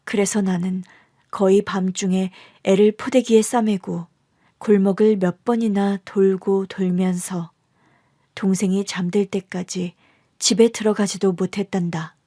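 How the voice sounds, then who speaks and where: A woman voicing a middle-aged birth mother who softly confides the story of her hard past. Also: medium pitch, steady tone, measured pace, no room sound, studio quality, natural voice. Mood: confiding.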